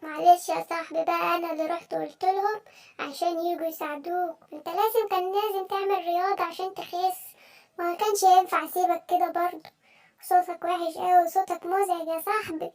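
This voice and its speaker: A woman voicing an encouraging cartoon animal friend with an Egyptian Arabic accent, coaxing and cheering softly. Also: extremely high pitch, level tone, quick pace. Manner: coaxing, cheering, softer and gentler. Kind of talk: children's cartoon voice acting.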